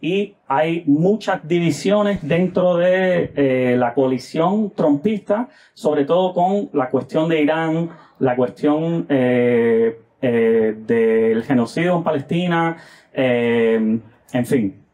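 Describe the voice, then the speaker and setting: A man's voice: on the high side, takes it slowly, dark tone. A man from the United States giving casual political commentary as a guest, hesitant, with many filler sounds and rhetorical tag questions.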